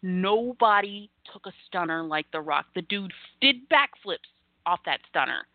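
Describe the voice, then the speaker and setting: A woman co-hosting a casual wrestling podcast, animated and sassy, acting out fan reactions. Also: on the low side, a little slow. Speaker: podcast co-host. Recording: thin phone-like line.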